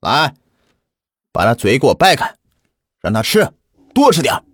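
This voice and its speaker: A man's voice: mid-range voice, wildly swooping pitch, normal speed, breathy edge, dry recording, clean studio sound. A man voicing an arrogant, domineering Ming-era local tyrant who barks orders, in a spoken ghost-story telling. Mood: gloating.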